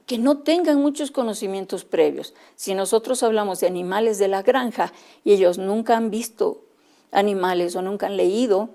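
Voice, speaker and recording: A woman's voice: medium pitch, dark tone. A woman with a Bolivian Spanish accent giving a methodical instructional lecture to teachers, spelling out letters and sounds one by one. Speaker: teacher trainer.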